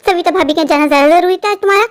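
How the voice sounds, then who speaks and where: A woman voicing an irritable elder sister who scolds impatiently in an animated horror story. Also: very high-pitched, very fast. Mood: irritated.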